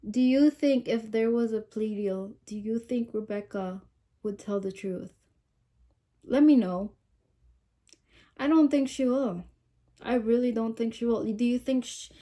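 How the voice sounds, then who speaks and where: A woman with a fairly high, warm voice is sick and stuffed up, sniffling through casual true-crime commentary. She reads quotes from the news and chats with viewers, tossing questions their way.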